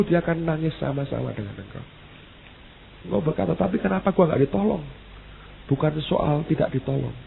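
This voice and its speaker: A male pastor preaching an emphatic sermon, repeating exclamations and reading verses slowly. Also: mid-range voice, vocal fry. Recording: tinny phone-like sound with faint hiss.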